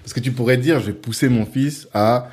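A man's voice: medium pitch, fairly quick, a little mellow. A man hosting a podcast, musing aloud in a loose, talkative way. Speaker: podcast host. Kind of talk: casual podcast conversation.

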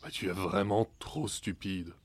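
A storybook ogre, played by the narrator with a low, stern voice. He scolds and warns, fond of the boy but out of patience. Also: fairly even intonation, measured pace, dry recording. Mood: stern warning. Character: fond but exasperated male ogre, part magician.

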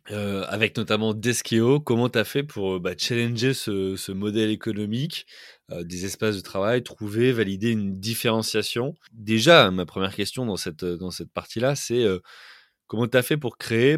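A man hosting an interview, asking relaxed conversational questions and steering the talk. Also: fairly low pitch, dry recording, studio quality. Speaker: interview host. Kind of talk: podcast interview.

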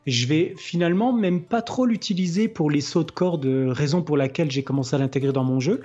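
Man talking guitar, slightly high voice. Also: fairly quick. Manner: relaxed, thinking aloud with many hesitations. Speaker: guitarist and podcast host. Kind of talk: casual explanatory chat with playing demos. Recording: slightly dull lo-fi sound. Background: faint guitar playing.

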